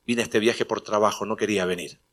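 A man's voice: lowish voice, steady tone, fast talker, fairly bright tone. A man preaching a sermon, telling a personal story in a conversational way and acting out the dialogue before building to emphatic preaching. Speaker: pastor.

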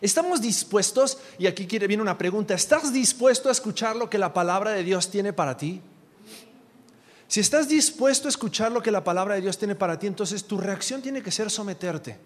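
Emphatic preacher in a reverberant church. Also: male voice, high voice, expressive, a little fast. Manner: emphatic, asks the congregation questions. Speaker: pastor. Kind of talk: sermon.

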